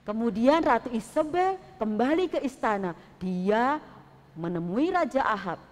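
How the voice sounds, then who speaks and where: Animated woman telling a children's Bible story. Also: fairly high pitch, measured pace. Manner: animated, acts out sounds. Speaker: Sunday school teacher. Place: church hall. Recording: long hall reverb.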